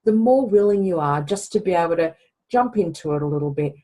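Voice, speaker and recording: A woman's voice: on the low side, lively intonation, brisk, warm tone, low-quality recording. A middle-aged woman hosting a reflective casual talk, speaking conversationally and often adding "right?" to her points. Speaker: podcast host.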